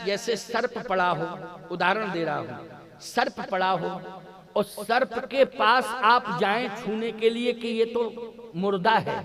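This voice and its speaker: Very high-voiced male preacher, animated storyteller, audience laughter behind. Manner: lively storyteller acting out kings' quarrels with humor. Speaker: religious preacher. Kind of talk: devotional storytelling sermon. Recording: live event with audience laughter. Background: live audience laughing.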